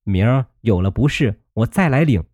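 A man's voice: medium pitch, animated, normal speed, a little mellow, no room sound, studio quality, close to an everyday voice. A man voicing a resentful old nursemaid who grumbles sulkily in a storybook reading. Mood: sulky. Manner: grumbling, sulky.

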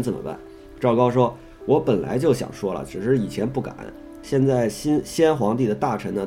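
A man's voice: mid-range voice, warm tone. A man reading a classical history text aloud, stopping now and then to ask questions and add his own comments.

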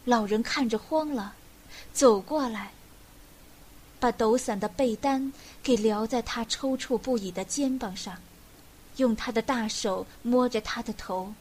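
Slow, high-voiced woman reading a story. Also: a little mellow. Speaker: narrator. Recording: echoey room with long reverb.

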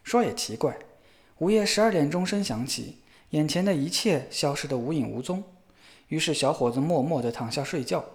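A man narrating a fairy tale in a lively, expressive storybook reading. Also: a little high, moderate pace.

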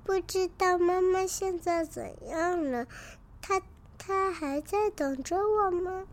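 A woman voicing a small crybaby baby dinosaur who is sweet and polite, speaking slowly like a child. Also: high-pitched, fairly bright tone. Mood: sad. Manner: slow, tearful childlike pleading.

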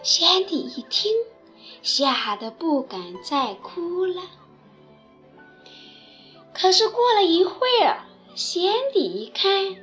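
A woman narrating a children's story in a slow, gentle, expressive way. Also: high voice. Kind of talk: bedtime story reading.

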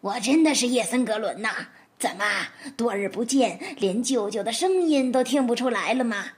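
A woman voicing a scheming, hungry male wolf who begs in a low, pitiful, fawning voice. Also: lively intonation, normal speed, a little mellow, husky. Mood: wheedling. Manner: wheedling, pitiful.

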